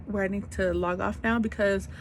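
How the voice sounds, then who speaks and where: A woman's voice: mid-range voice, fairly even intonation, normal speed, a little hiss or hum. A woman in her twenties venting in an unscripted vlog rant, blunt and emphatic, repeating her points in casual slangy speech. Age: 20s. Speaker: vlogger.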